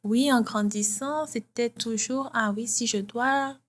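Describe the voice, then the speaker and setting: A woman in her thirties from Benin, a guest in a casual interview who speaks in a calm, measured, reflective way. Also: fairly high pitch. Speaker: guest, entrepreneur.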